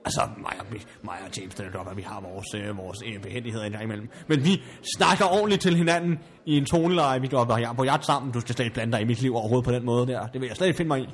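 A man's voice: mid-range voice, hardly any pauses, natural voice. A man playing a haughty, snobbish country estate owner in an improvised comedy sketch, indignant and stammering when flustered.

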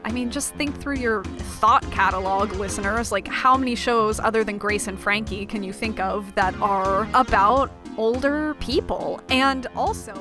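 A woman's voice: medium pitch, unhurried, hardly any pauses. Playful female podcast co-host, chatty and jokey, light music under her. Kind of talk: casual podcast chat.

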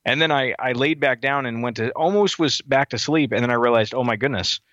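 A man's voice: mid-range voice, a bit bright, no room sound, dull audio. A man co-hosting a hunting podcast over a call, telling stories in a chatty, casual way and laughing often. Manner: chatty storyteller, quick to laugh. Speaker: podcast co-host. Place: remote call from home.

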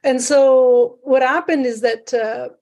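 A woman from Sicily, a guest on a call, talking through her past with many pauses and fillers. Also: high voice, steady tone, darkish tone. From Sicily, Italy. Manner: hesitant, many fillers, restarts. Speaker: guest, private lender. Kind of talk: conversational interview. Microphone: remote call.

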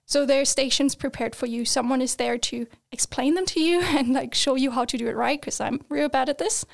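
Her voice sits high and gravelly, and she talks a little fast. She's a student in her twenties, guesting on a relaxed podcast chat, chatty and quick to laugh, with many fillers and restarts.

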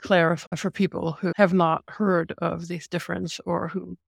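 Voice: mid-range voice, little pitch movement, normal speed, gravelly, no echo, clean studio sound. A podcast co-host who interviewed a researcher, explaining things in a thoughtful conversational way with some restarts.

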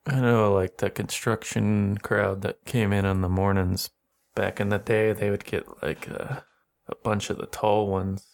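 Gravelly guy player, jokey, kinda low voice. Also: level tone, measured pace, hardly any pauses. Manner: joking, laughs often. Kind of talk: casual tabletop game chat.

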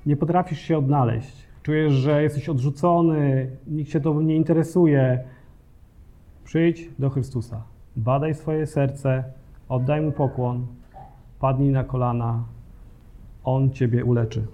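Earnest male preacher with a mellow voice. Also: mid-range voice, fairly even intonation, unhurried. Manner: earnest, addresses the congregation directly, occasional hesitation fillers. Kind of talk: sermon.

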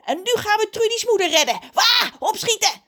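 A grumpy, nervy crow with a snappy, suspicious voice pitched well up, as a woman reading a storybook puts him on. He talks in short, sharp bursts. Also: expressive, unhurried. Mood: excited.

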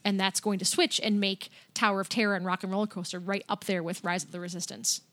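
A woman's voice: mid-range voice, level tone, fast talker, pushed and bright. A woman co-hosting a casual podcast, chatty and upbeat as she runs through news items. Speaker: podcast co-host. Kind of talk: casual podcast chat about theme parks.

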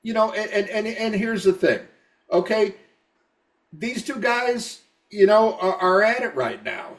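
A man's voice: high voice, lively intonation, unhurried, far from the mic. Tipsy, swearing man ranting on a podcast. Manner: rambling, profane, heated. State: drunk. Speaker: podcast co-host. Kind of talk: casual podcast rant.

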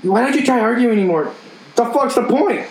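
A man's voice: very high voice, expressive, brisk, echoey room, low-quality recording. A man in casual banter with friends, blunt and wry, swearing a lot.

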